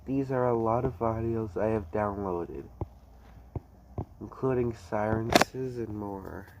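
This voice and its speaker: This is a casual screen-recording tutorial led by a man with a lowish voice who talks slowly. He hesitates, frequently starts over, and repeats his phrases, while loud background noise and clicking can be heard.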